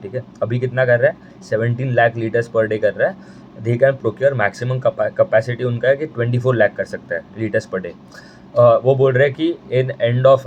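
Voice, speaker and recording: A man's voice: mid-range voice, darkish tone, highs cut off, slight background noise. A man casually explaining company figures in a loose, conversational way, thinking aloud with fillers and restarts. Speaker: stock market analyst. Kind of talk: casual explainer in Hindi-English mix.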